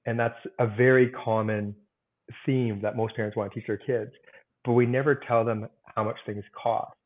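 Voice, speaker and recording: A man's voice: medium pitch, steady tone, normal speed. A man being interviewed as a guest author, explaining earnestly with simple examples and many "like"s. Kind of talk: conversational interview. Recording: tinny phone-like remote call audio.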